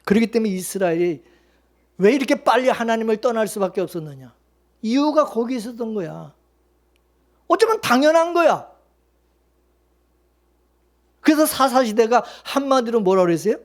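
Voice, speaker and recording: A man's voice: very high-pitched, sing-song, a little fast. A male pastor preaching a Sunday sermon, blunt and colloquial, firing rhetorical questions at the congregation.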